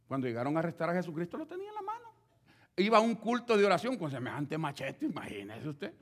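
Male preacher; animated sermon delivery with wide pitch swings and direct questions to the flock. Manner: animated, addresses listeners directly with rhetorical questions.

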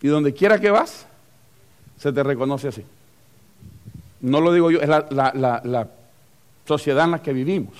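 A man preaching a lively sermon in church as pastor, acting out little scenes and asking the congregation questions. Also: fairly high pitch, moderate pace, pauses often, smooth. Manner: animated, acts out scenes and voices, asks the congregation questions.

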